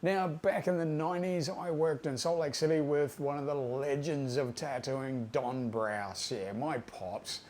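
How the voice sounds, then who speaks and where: A man's voice: a little high, steady tone, unhurried, hardly any pauses, a little mellow. A man, casually telling a profane, rambling anecdote about his tattoo mentor, full of fillers and asides. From Australia. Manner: laid-back, profane, conversational with fillers. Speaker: tattoo artist storyteller.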